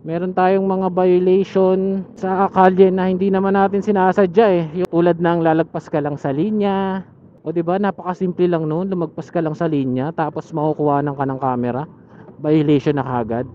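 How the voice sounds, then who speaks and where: A motorcycle vlogger with a Manila Filipino accent chats informally to his viewers while riding through city streets. His high voice moves little in pitch at a moderate pace, picked up by a muffled helmet intercom linked to an action camera, with traffic plus faint vehicle and street noise around him.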